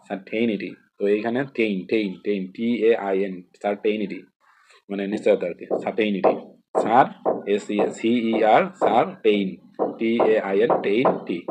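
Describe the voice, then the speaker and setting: Fast-talking Bangladeshi tutor, husky and low. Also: male voice, a little mellow, muffled recording. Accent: Bangladeshi Bengali. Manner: rambling, repeats and spells out words, many fillers. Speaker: exam prep tutor. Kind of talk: casual explanatory lesson.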